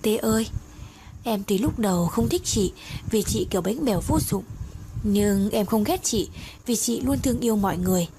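A woman's voice: mid-range voice, warm tone, close to an everyday voice. A woman voicing a loyal younger woman friend, blunt but caring, in an audio story. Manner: urgent, comforting. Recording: noisy audiobook recording.

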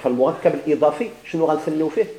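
A man's voice: a little high, rapid-fire, warm tone, reverberant, poor audio. A man with a Moroccan Arabic accent teaching a grammar lesson, asking questions and answering them himself with repeated examples.

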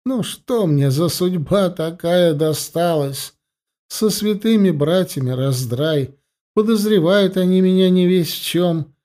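A man's voice: high-pitched, takes it slowly, dark tone, voice pushed up. A man reading an audiobook, voicing a frightened, whiny male mage who pleads and cries out. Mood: plaintive. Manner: pleading, plaintive outbursts.

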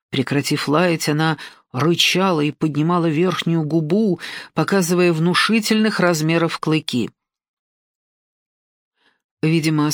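A woman reads a novel aloud as an audiobook narrator. Her delivery is steady and even-paced, with a wry touch on the asides. The recording is close and dry, with no room sound. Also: sits low, dry recording.

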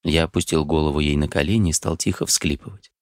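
A man narrating a literary audiobook in a measured, expressive way. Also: extremely low pitch, dry recording, studio quality.

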